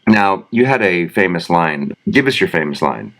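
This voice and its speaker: A man hosting a mock interview in a studio, asking brisk, upbeat questions. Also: low-pitched, lively intonation, fairly bright tone. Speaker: podcast host.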